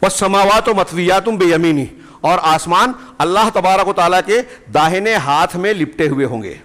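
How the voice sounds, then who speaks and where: A man with an Indian Urdu accent giving a Friday sermon in a mosque. He explains terms in short repeated phrases and rises to fervent, emphatic peaks before dropping low. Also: expressive, a bit bright. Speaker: preacher.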